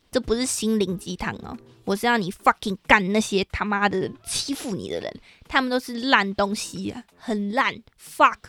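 A woman hosting an unscripted solo podcast, talking bluntly and swearing freely and casually. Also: mid-range voice. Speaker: podcast host. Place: at home, rain on an awning outside.

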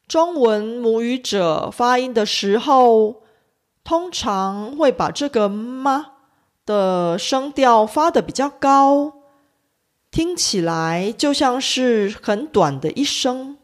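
A woman teaching a language lesson, explaining pronunciation with deliberate, clearly enunciated speech. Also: fairly high pitch, animated.

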